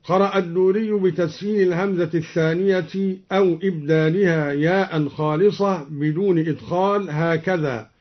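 This old radio recording, muffled in quality, captures a man deliberately teaching variant readings of the Quran, alternating plain explanation with chanted verses. His voice is high-pitched and his manner measured.

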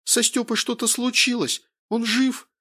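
A woman's voice: on the low side, pitched above the performer's own voice, lightly acted. A man voicing an anxious young wife on the phone, worried about her missing husband, in an audiobook. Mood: frantic. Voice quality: anxious, rapid.

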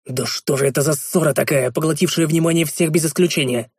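A man's voice: on the high side, fairly quick, slightly rough, no room sound, studio quality. Man narrating a fantasy audiobook.

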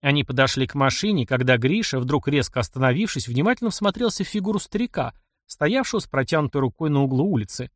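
A man reading a novel aloud as the audiobook narrator, with an expressive reading style. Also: medium pitch, fast, dry recording, studio quality. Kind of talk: scripted narration.

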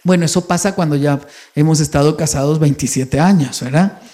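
A man's voice: a little high, fairly quick. Middle-aged male speaker, personal family anecdotes, repeats lines for emphasis, laughs along. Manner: warm storytelling, emphatic repetitions, chuckles. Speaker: conference speaker. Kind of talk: heartfelt conference talk.

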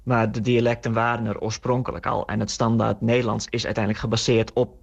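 A man board game designer explaining in a measured way in an interview soundbite. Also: lowish voice, level tone, creaky, highs cut off.

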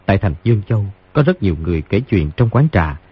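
A man's voice: lowish voice, very animated, fast talker, breathy edge. A man narrating a martial-arts novel as an audiobook, telling the action vividly. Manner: vivid storyteller delivery. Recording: dull lo-fi audiobook recording.

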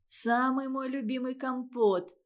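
A woman voicing a quick-tempered, easily fooled mother. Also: sits high, steady tone. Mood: outraged. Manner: loud indignant. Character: quick-tempered gullible mother, middle-aged.

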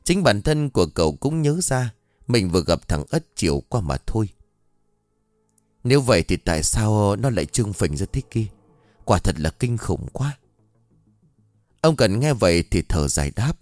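A man narrating a ghost story in an expressive, dramatic storytelling manner. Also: lowish voice, moderate pace, long pauses, no echo, soft background music.

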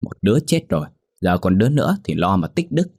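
A man's voice: low voice, moderate pace, darkish tone, breathy edge, no room sound, clean studio sound. A man voicing an older female servant who is bitter and outspoken, gossiping with scorn in a ghost story. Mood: scornful.

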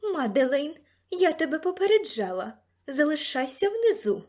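A woman's voice: sits high, sing-song, normal speed, a little mellow, voice pushed up. A woman voicing an imperious elderly grandmother who speaks in a cold, commanding tone.

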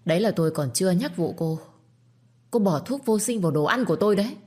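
A woman's voice: lowish voice, lively intonation, fast talker, darkish tone, husky, voice pushed up. A woman voicing a composed young wife who answers accusations in a cold, cutting, firm way. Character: cool, sharp-tongued young wife. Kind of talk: storytelling with acted dialogue.

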